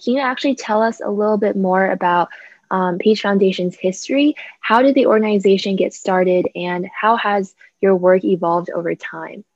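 A woman interviewer asking clear, prepared questions. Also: medium pitch, moderate pace, a little mellow. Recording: dull dry recording.

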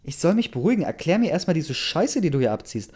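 Ein Mann spricht eine schwangere junge Frau, die ihren Freund wütend zur Rede stellt. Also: male voice, a little high, animated, moderate pace, voice pushed up. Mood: furious. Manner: shouting, accusing. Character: furious pregnant young woman, betrayed girlfriend.

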